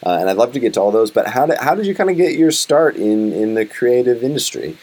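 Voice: mid-range voice, sing-song, quick pace, darkish tone. A podcast host talking casually in an interview, rambling with many fillers and restarts.

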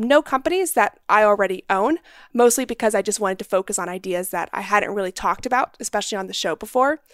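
Woman podcast co-host, hoarse and raspy today, casual and self-deprecating, dry close mic. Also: mid-range voice, no echo. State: raspy sore throat. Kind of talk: casual investing chat.

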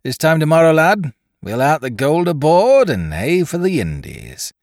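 A man voicing a gruff, jovial pirate gunner who talks in a boisterous, swaggering way. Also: fairly high pitch, very animated, unhurried, no echo, clean studio sound, pitched above the performer's own voice. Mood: gloating.

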